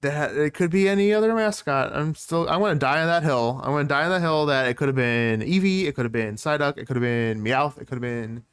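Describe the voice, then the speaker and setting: A man's voice: fairly high pitch, a little fast, few pauses, a bit bright, clear, resonant tone, no room sound, clean studio sound. A man co-hosting a podcast in playful casual chat, laughing often. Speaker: podcast co-host.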